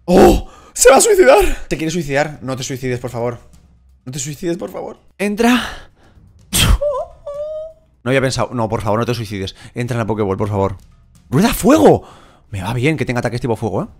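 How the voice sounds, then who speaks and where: A young man from Spain with a Spain Spanish accent, giving casual, excitable, crude Let's Play commentary and shouting at the game. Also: mid-range voice, fast talker, soft background music. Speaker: gaming YouTuber.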